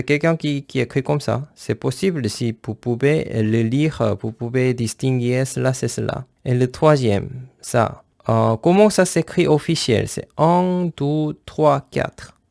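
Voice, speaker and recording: A man teaching a beginner language lesson, speaking slowly and patiently, repeating each syllable twice as he writes and explains step by step. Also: medium pitch, creaky, darkish tone, dry recording, studio quality. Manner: simple plain phrasing, explains step by step.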